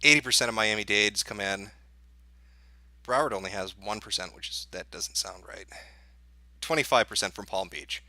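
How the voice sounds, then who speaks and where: A man's voice: fairly low pitch, normal speed, pauses often, sharp tone, dry recording. A man hosting a livestream as an off-the-cuff election night analyst, thinking aloud as he reads out results in casual live commentary. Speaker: livestream host.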